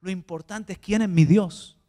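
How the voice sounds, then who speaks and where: A man preaches a fervent sermon in church. He drops to near-hushed tones, then rises to loud, ringing exhortation, often stumbling over repeated little words as he goes. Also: sits high, steady tone, moderate pace. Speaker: pastor. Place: church before a congregation.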